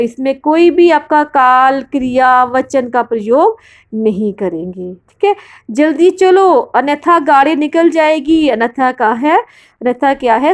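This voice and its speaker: A woman teacher explaining grammar to her students in a recorded lesson, patient and explanatory, often asking questions and answering them herself. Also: high-pitched. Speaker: school Hindi teacher.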